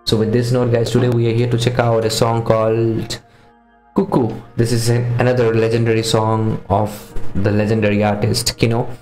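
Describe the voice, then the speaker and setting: Medium in pitch and a little mellow, his voice is completely flat at a moderate pace, with reverb. He's in his thirties, hosting a music reaction video and chatting casually but earnestly to camera in English, his non-native language, with a first language other than English or Hindi. He records in a small posters-on-the-wall home studio on a boom-mounted condenser mic.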